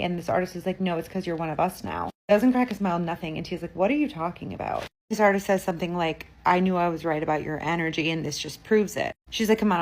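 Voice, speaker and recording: A woman's voice: on the low side, low-quality recording. A woman narrating a spooky story in a casual, chatty way, full of filler words. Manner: chatty, lots of "like" fillers, acts out quoted lines.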